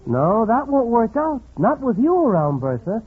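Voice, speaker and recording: A mid-range voice with a breathy edge and a sing-song lilt belongs to an actor in 1940s radio comedy, speaking at a moderate pace. He plays a wry commentator, sardonically admonishing a domineering wife. The period radio recording sounds muffled.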